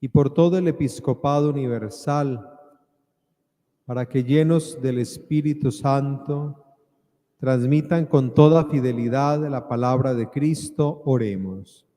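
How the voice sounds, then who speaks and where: A male priest speaks solemn liturgical words in a mellow voice. His phrases come slowly, set apart by deliberate pauses. Each one rings out in a long cathedral-like echo. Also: medium pitch. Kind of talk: solemn liturgical prayer and preaching. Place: large reverberant church.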